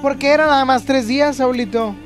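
A woman's voice: high-pitched, a little fast, faint music behind. A woman with a Mexican accent hosting a radio show in a studio, teasing and joking with callers. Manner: teasing, joking, laughs often. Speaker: radio host. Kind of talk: playful radio show chat.

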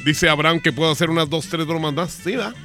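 A man's voice: on the high side, quick pace, sharp tone, faint music behind. A man hosting a radio show, pressing a caller for answers in a confrontational prank call. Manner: confrontational, interrogating and demanding answers.

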